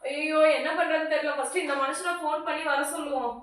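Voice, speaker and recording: A woman's voice: sits high, fairly even intonation, quick pace, fairly bright tone. A woman acting in a comedy skit at home, whining and complaining. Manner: whiny and complaining. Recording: echoey room, far from mic.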